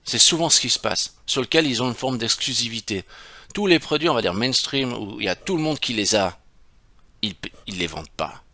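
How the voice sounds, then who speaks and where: This man has a medium-pitched, expressive voice that moves fairly quickly, with a bright, forceful tone on a dry recording. He's an e-commerce consultant giving a screen-share tutorial, explaining casually and emphatically while throwing rhetorical questions at his viewers.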